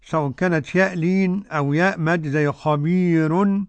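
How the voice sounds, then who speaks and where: Older Egyptian sheikh chanting Quran. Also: male voice, a little high, steady tone, smooth. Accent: Egyptian Arabic. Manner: explains rules in colloquial speech, then chants verses slowly. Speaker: Quran recitation teacher. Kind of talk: teaching and chanting Quran recitation.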